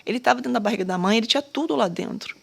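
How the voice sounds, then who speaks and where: A woman's voice: fairly high pitch, rapid-fire, gravelly, slightly rough. A woman educator in a casual podcast conversation, talking thoughtfully with many fillers and restarts. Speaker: educator at a school.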